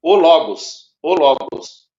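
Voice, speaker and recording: Brazilian male tutor, slightly high pitch, stop-start and repetitive delivery, muffled lo-fi audio. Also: expressive, a little mellow. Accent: Brazilian Portuguese. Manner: halting, repeats words, checks in often with tags. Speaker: teacher. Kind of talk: one-on-one spoken lesson. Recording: dull lo-fi sound.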